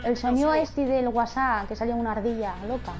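A woman with a Spanish accent from Spain chats casually as she streams a game. Her voice is very high, thin and piping, and her manner is teasing. Faint music plays behind her. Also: fairly quick. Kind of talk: casual chat while gaming.

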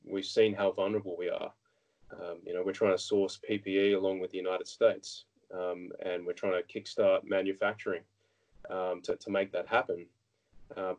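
Australian male guest in his thirties, lowish register, frank anecdotal talker. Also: a little mellow, low-quality recording. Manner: frank, anecdotal, frequent restarts. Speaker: guest politician. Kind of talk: casual interview chat.

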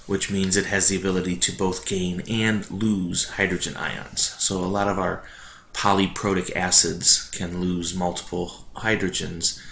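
A man's voice: low-pitched, gravelly, fairly bright tone. A man teaching a recorded chemistry lesson in an informal, explanatory way, his voice echoing as if in a cave. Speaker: high school chemistry teacher. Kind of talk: recorded lesson narration, review lecture. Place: echoey room at home. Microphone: not his usual microphone, built-in or distant. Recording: echoey cave-like room, faint hiss, no proper microphone.

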